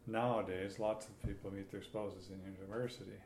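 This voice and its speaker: A man's voice: sits low, flat delivery, a little fast, a little mellow. A man, a teacher, interviewing in a friendly, chatty way with tag questions. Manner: friendly, chatty, uses "eh" and "right". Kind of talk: oral history interview. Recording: echoey room, faint hiss.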